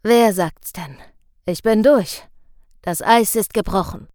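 A woman voicing a gruff, stubborn bearded male professor who grumbles and lectures. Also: mid-range voice, slow, a little mellow, no echo, studio quality, close to an everyday voice. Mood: lecturing. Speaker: field researcher.

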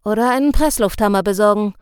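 A woman's voice: mid-range voice, quick pace, smooth, no room sound, studio quality, natural voice. A woman voicing a teasing young male newspaper reporter. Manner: teasing, joking.

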